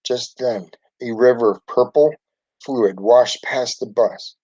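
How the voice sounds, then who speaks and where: Brief: man narrating a kids' storybook, steady mid pitch, dull lo-fi recording. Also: slow pace. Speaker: storybook reader. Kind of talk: reading a children's book aloud.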